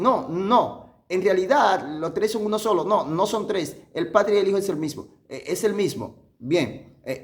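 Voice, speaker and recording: A man preaching a Bible lesson, his voice sitting somewhat high for a man. He builds his case in repeated steps, asking questions and answering them himself. When he reads a verse aloud, he slows right down. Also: darkish tone. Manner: repetitive, emphatic, reasoning step by step with rhetorical questions. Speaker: pastor. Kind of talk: sermon-style Bible teaching.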